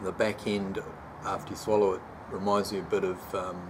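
A laid-back man with a lowish voice hosts a homebrew channel, doing a casual beer review vlog on a sunny backyard patio. He's relaxed and chatty, pausing often with "um." A close camera mic captures him, later held in hand as he walks, with outdoor background noise throughout.

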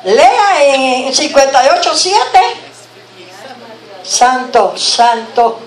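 Woman preacher, middle-aged, earnest, unhurried delivery, echoey sanctuary, distant mic. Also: high-pitched, sing-song. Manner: earnest, exclaims praises between points. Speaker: guest preacher. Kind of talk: sermon. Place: church sanctuary, at a pulpit. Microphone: handheld mic. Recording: roomy church sound from a distant camera.

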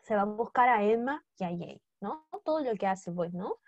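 A woman's voice: mid-range voice, expressive, moderate pace, darkish tone, no echo, muffled recording. A woman teaching an English lesson, coaxing students with constant questions and repetition. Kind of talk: classroom lesson explanation.

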